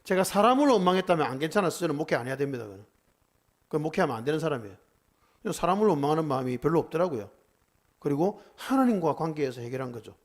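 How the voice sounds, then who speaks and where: Middle-aged male pastor, earnest conversational sermon with rhetorical questions; animated, slightly high voice. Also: rapid-fire. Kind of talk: sermon at a seminar. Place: church.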